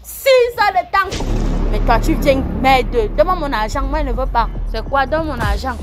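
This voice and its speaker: A woman's voice: sits high, fairly quick, over loud music, close to an everyday voice. A woman playing a stubborn, furious hairdresser. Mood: angry. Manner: insistent, repetitive, loud demands. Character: hairdresser woman angrily demanding her pay. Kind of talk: film drama acting.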